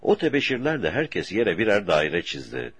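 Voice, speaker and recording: A man reading a story aloud for an audiobook in a slow, deliberate way, with a husky voice. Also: lowish voice, wildly swooping pitch, a bit bright, no room sound. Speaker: audiobook narrator.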